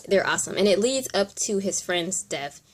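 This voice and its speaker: A woman's voice: mid-range voice, animated, moderate pace, breathy edge. Chatty woman hosting a top ten countdown. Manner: chatty and informal, thinking aloud. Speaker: video host.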